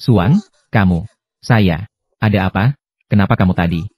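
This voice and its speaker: A man reading out translated drama dialogue as a recap voice-over, with a stiff, even delivery for every part. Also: low voice, a little slow, slightly rough, no echo, dull audio.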